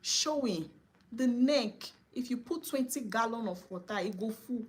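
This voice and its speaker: A woman's voice: a little high, lively intonation, unhurried, breathy edge. A Nigerian woman vlogger giving indignant, scolding commentary, mixing English and Pidgin.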